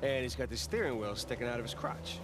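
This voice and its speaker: A man's voice: medium pitch, sing-song, fast, background noise. An actor playing a playful adventurer who tells jokes to his companions. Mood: joking. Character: joking male adventurer, playful wisecracker.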